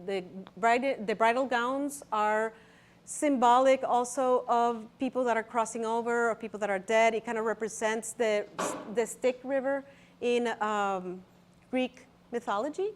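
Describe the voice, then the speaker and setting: A woman from El Salvador, an artist presenting her own exhibition, gives an informal gallery talk explaining the artworks to visitors. Her high voice stays steady in tone, yet she's halting and nervous, searching for words, and there's a little hiss or hum in the audio.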